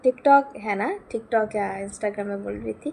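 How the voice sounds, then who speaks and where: A woman's voice: mid-range voice, slow pace, vocal fry, warm tone, slightly rough. A young woman vlogging casually at home, rambling and giggling between thoughts, filling gaps with "uh" and "um", recorded on a phone camera. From West Bengal, India. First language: Bengali. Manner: chatty, giggly, rambling with many fillers. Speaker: lifestyle vlogger. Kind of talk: casual vlog chat.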